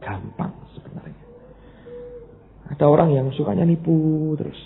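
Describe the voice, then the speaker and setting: A male pastor, preaching a sermon that jumps between loud, emphatic bursts and low, quiet asides. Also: lively intonation, moderate pace, vocal fry. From Indonesia. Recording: tinny phone-like band, faint noise.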